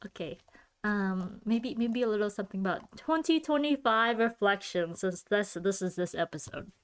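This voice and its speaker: In a clean, animated, medium-pitched voice, a female podcaster and streamer rambles on her own show at normal speed. She talks off the cuff, giggling and getting a bit loopy as she thinks aloud.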